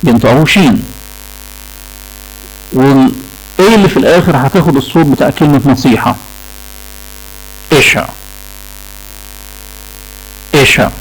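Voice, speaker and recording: A man's voice: medium pitch, expressive, brisk, long pauses, a little mellow, rough recording. A man with an Egyptian Arabic accent lecturing a class on English pronunciation, repeating key points and checking in with the students. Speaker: English teacher.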